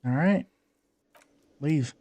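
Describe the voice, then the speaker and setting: A man's voice: on the high side, extremely slow, dark tone, dry recording. A man livestreaming a game, casually reading his choices aloud and chuckling along. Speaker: streamer.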